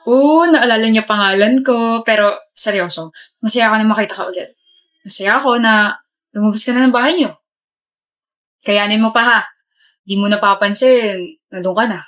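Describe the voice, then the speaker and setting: A woman playing a blunt, teasing young man in a comedy skit, with a deadpan manner. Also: mid-range voice, moderate pace, pauses often, natural voice.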